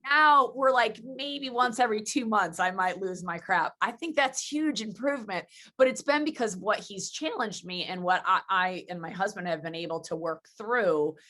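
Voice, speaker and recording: A woman's voice: mid-range voice, normal speed, hardly any pauses, bright, forceful tone. A woman hosting a casual interview, chatty and telling stories with acted-out dialogue. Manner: chatty storyteller, acts out quoted dialogue. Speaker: podcast host.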